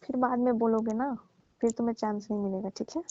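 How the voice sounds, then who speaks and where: Her voice is on the high side, fairly even in intonation, fast and dark-toned. A woman lightly acts a coaxing, teasing middle-aged auntie persuading and placating in a staged comic phone call, captured on a dull, dry lo-fi phone recording without echo.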